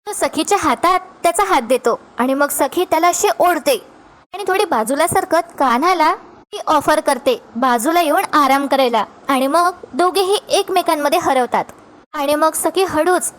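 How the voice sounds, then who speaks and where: A woman with a high voice recapping a TV serial episode. She tells it like a lively storyteller and keeps turning to her friends to say what happens next. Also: normal speed.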